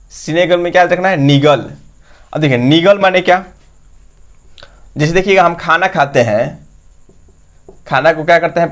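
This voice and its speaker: A man teaching an exam-prep lesson, repeatedly asking his listeners questions and answering them himself. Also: fairly high pitch.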